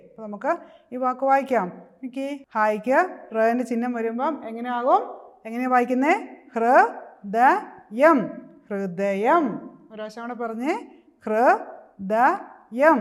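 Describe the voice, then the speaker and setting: Malayali woman, kindergarten teacher, slightly high voice, patiently coaxes kids to repeat syllables. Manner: slow, coaxing call-and-response with drawn-out syllables. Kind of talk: children's reading lesson.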